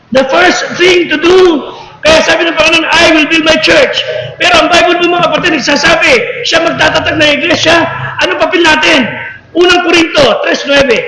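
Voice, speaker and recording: A man with a Filipino accent preaching a sermon as a missionary, mixing Tagalog and English and shouting for emphasis. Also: very high-pitched, slight background noise. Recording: echoey hall with long reverb.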